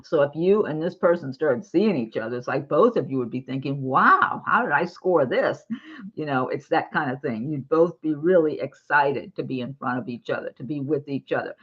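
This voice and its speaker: A woman giving a chatty, casual tarot reading to her viewers, reassuring and quick to giggle. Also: a bass voice, husky, highs cut off. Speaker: tarot reader.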